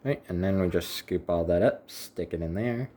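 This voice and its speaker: A man's voice: sits low, normal speed, mellow, a little hiss or hum. A man chatting casually to the camera while cooking in his home kitchen, rambling with wry little asides. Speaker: home cook, channel host.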